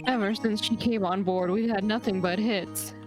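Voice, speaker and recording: A woman's voice: mid-range voice, steady tone. A woman streamer chatting casually and reading game lines aloud, giggly, on a close, slightly muffled desk mic. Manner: giggly, unhurried. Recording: game music under the voice. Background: loud game music.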